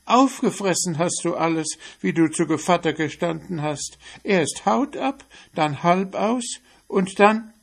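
A man voicing a timid, trusting female mouse in a fairy-tale reading, speaking high and wondering. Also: measured pace, hardly any pauses. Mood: dismayed.

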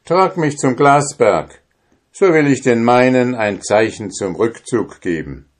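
A man's voice: medium pitch, animated, a little slow, voice pushed up. A man voicing a brave young drummer in a fairy tale, speaking in a raised, eager voice. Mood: cunning. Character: bold young drummer, fearless and cunning.

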